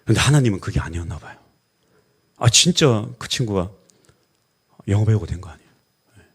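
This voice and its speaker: A man's voice: on the low side, a little fast, breathy edge. A middle-aged man preaching a Sunday sermon as pastor, telling stories and acting out the dialogue in them. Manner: animated storytelling, acts out quoted dialogue.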